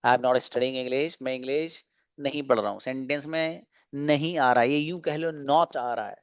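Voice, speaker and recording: A man teaching an online English class, explaining slowly and asking and answering his own questions. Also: a little high, no echo, muffled recording.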